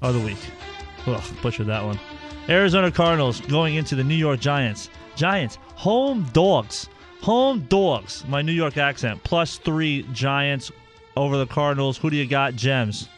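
A man's voice: mid-range voice, normal speed, a bit bright, faint music behind. A man hosting a casual sports podcast, joking around and hyping up a weekly picks segment. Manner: joking, hype segment host. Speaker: podcast host.

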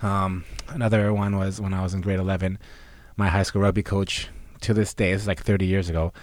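A man's voice: sits low, little pitch movement, a little fast, dry recording. A man in his forties, a podcast co-host, chatting casually with lots of fillers, restarts and swearing. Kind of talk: casual chat.

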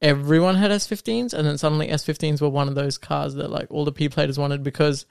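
A young Australian man chatting casually on a podcast as host, rambling with many pauses and fillers. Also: on the high side, fairly even intonation, gravelly, clear, resonant tone, no room sound, studio quality. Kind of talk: casual chat.

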